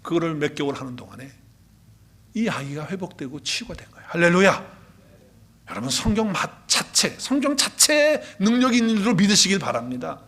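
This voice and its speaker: A male pastor with a high voice delivers a Sunday sermon in a church sanctuary. He talks emphatically, repeating key phrases and asking the congregation questions. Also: very animated, a little fast, a bit bright, slightly rough.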